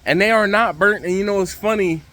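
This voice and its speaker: A man hosting a casual vlog to camera, speaking outdoors over the rushing water of a waterfall by a pool. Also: high-pitched, pushed and bright. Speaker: vlog host.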